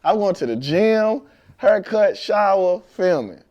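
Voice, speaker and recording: Brief: young St. man, high-pitched, animated storyteller on a podcast argument. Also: measured pace, lo-fi sound. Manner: animated storytelling, acting out quotes. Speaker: podcast co-host. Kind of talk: heated couple's podcast argument.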